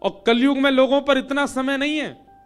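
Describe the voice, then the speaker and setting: A man voicing a stern, commanding male god who instructs the other gods, using a fairly high voice. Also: little pitch movement, normal speed, soft background music. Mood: instructing.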